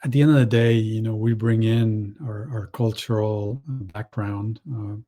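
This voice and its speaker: A man who grew up in Chile, speaking as a panel guest in a halting way, with many restarts and fillers. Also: lowish voice, steady tone, warm tone. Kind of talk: panel discussion.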